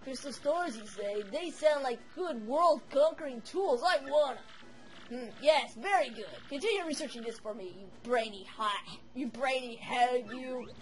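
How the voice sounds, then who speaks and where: A woman's voice: high voice, unhurried, faint music behind. A woman playing a blustering villain king. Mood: boastful. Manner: bellowing, bossy and impatient. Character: blustering male turtle-dragon king villain.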